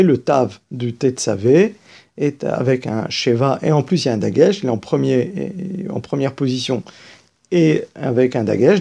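A man giving a patient lesson on reading Hebrew scripture, explaining grammar and chanting verses in a drawn-out sing-song. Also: mid-range voice, creaky, warm tone, husky. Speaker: teacher of Torah reading.

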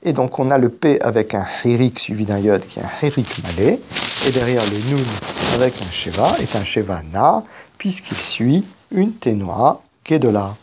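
A man's voice: mid-range voice, very animated, normal speed, noisy background. A man giving a spoken grammar lesson, explaining each rule step by step and stopping now and then to correct himself. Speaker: teacher of biblical Hebrew grammar.

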